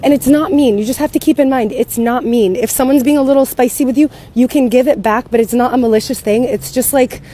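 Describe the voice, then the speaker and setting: A young woman from the United States tells a story at a rapid clip, her voice sitting a little high. She is animated and profane, and she acts out the people in her story as she goes. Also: slight background noise. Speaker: expat content creator. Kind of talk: casual storytelling to camera.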